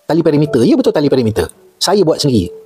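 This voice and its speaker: Husky Malaysian man telling jungle stories. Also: a little high, rapid-fire, soft background music. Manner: repeats points for emphasis, animated storyteller. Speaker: retired army major telling jungle stories. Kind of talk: casual storytelling chat.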